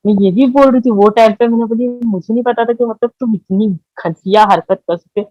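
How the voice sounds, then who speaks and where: A woman, telling her own story in halting speech, with many fillers and repeated words. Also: on the high side, dry recording, dull audio. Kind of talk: emotional personal testimony.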